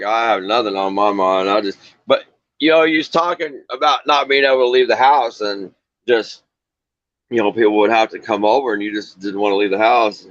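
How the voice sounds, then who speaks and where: A man's voice: on the low side, fairly bright tone, no room sound, muffled recording. A man from Southern Missouri with an Ozarks accent, calling in to a casual chat and telling a rambling, folksy story with frequent laughs. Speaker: caller.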